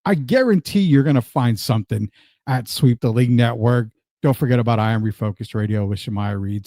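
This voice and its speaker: An American man hosts a podcast in a warm, mid-range voice with clean studio sound and no echo. He chats through promotional patter and introduces his guest in an upbeat interview style.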